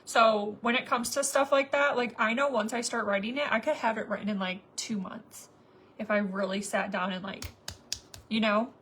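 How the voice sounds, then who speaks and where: Woman in her thirties, makeup vlogger, chatty and rambling, fairly high voice, faint background hiss. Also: fairly even intonation, moderate pace, fairly bright tone. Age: 30s. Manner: chatty, rambling, many fillers. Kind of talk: casual chat to viewers while doing makeup.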